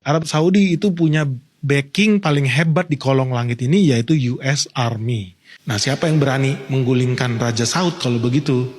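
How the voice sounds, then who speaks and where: A man's voice: medium pitch, normal speed. A man giving casual political commentary, explaining history to his viewers in a conversational way.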